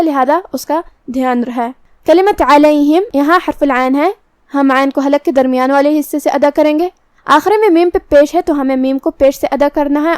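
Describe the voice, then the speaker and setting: A woman teaching Quran recitation rules step by step, in a calm and methodical manner. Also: sits high, no room sound. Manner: calm, methodical, explains each letter slowly. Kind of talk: step-by-step tajweed lesson.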